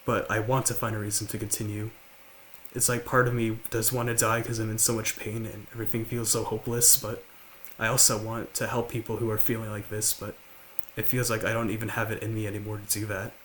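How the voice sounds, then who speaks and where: Indoors in a large house, a young man in his late teens gives a confessional talk to his camera. His voice is lowish and level with a slight lisp, quiet and halting, full of fillers and restarts, over slight background noise.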